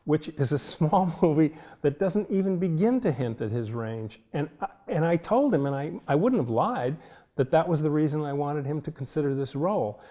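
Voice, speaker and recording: A man's voice: on the high side, lively intonation, moderate pace, dark tone. An older man, a film director, telling thoughtful anecdotes in an interview and chuckling now and then. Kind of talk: reflective interview storytelling.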